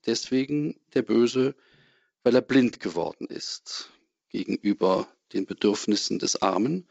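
A male priest giving a thoughtful spoken commentary on scripture and answering questions, measured and hesitant with frequent pauses. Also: on the low side, vocal fry, husky, no room sound. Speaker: priest, guest. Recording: dull lo-fi sound.

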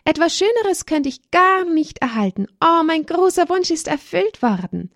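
A woman's voice: sing-song, moderate pace, fairly bright tone, dry recording, clean studio sound, full character voice. Woman doing a pleading little girl's voice. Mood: overjoyed. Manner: high, pleading and heartfelt. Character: eager, pleading little village girl.

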